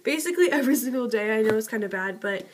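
A woman's voice: a little high, expressive, rapid-fire, a little hiss or hum. A young woman vlogging at home, chatting casually about her shopping haul, with lots of "like" and little giggly asides.

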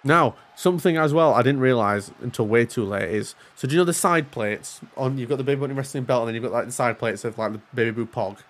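A man co-hosting a casual game stream, calling wrestling matches with excitable play-by-play and dry jokes. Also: mid-range voice, fast, hardly any pauses. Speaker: co-host and wrestling commentator.

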